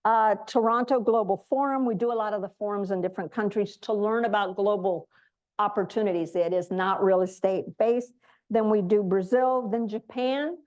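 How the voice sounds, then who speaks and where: A woman representing an association on global programs runs through announcements for an audience in an informal way. Her mid-range voice is a little mellow and moves at a moderate pace.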